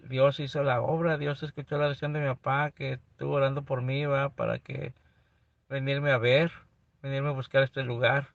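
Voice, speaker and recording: Mexicano de mediana edad, grabación opaca. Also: male voice, on the high side, fairly bright tone, dry recording. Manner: plain storytelling, conversational. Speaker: guest giving a testimony. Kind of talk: personal testimony. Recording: dull lo-fi recording.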